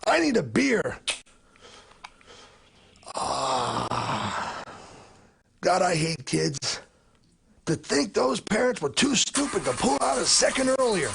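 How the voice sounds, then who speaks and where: A man's voice: high voice, very animated, takes it slowly, vocal fry, pauses often, a bit bright, husky, full character voice. A man voicing a foul-mouthed, bitter, washed-up male clown who grumbles and curses. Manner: crude, grumbling, cursing. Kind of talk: comedy sketch acting. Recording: noisy recording.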